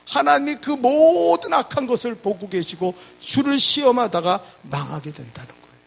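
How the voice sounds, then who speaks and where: A man's voice: very high voice, animated, moderate pace, vocal fry. A male pastor preaching a sermon in a church, asking the congregation rhetorical questions and leading them in call-and-response. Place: church sanctuary.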